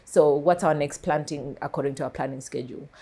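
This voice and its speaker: A woman in her thirties, a guest on a studio interview, talking in an articulate, animated way with frequent laughs, recorded on a lapel mic. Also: low voice, brisk, slightly rough. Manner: articulate, animated with hand gestures, laughs often. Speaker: farmer and entrepreneur guest. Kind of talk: interview conversation. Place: small television studio set.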